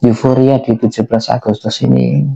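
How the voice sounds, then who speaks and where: A man giving unscripted political commentary in a halting way, repeating phrases for emphasis. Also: medium pitch, very animated, vocal fry, dark tone, dull audio. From Indonesia. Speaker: commentator giving personal opinion.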